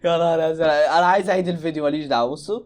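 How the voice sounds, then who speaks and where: A man's voice: fairly high pitch, very fast, soft background music. A man with an Egyptian accent giving casual, joking reaction commentary on videos, exclaiming in disbelief.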